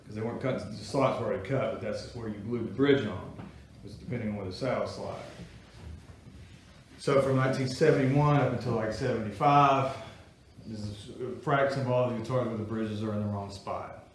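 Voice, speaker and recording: A guitar-building instructor teaches a small group in a workshop classroom, explaining in a folksy, chatty way. His voice sits on the low side and moves fairly quickly. The echoey room is recorded from afar, with a distant mic and slight background noise.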